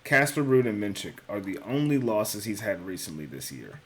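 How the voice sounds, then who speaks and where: With a fairly low, expressive, fairly bright voice at a moderate pace, the young man hosts his casual solo sports picks talk. He reasons aloud, fixes his own mistakes, curses occasionally, and says dude and bro.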